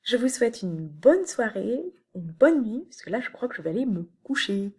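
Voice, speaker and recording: A woman teacher who explains slowly in a recorded video lecture, with many fillers and restarts. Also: on the high side, sing-song, a little mellow, breathy edge. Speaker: university teacher. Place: home, late evening.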